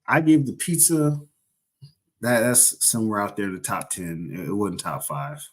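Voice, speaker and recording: A man's voice: on the low side, moderate pace. A young man casually chatting on a livestream, rambling and joking as he corrects himself mid-sentence. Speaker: livestream host.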